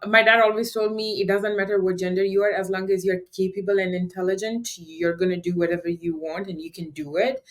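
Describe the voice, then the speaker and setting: Animated young woman telling a story. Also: mid-range voice. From Afghanistan. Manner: animated, quick, laughing often, acts out quotes. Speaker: guest, nonprofit founder. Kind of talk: conversational storytelling.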